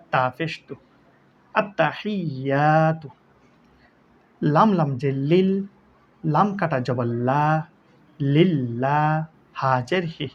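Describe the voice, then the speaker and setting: A man teaching Quran recitation, spelling letters and vowel marks one by one and then drawing out each word slowly. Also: medium pitch, muffled recording, slight background noise. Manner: slow, drawn-out syllable-by-syllable recitation.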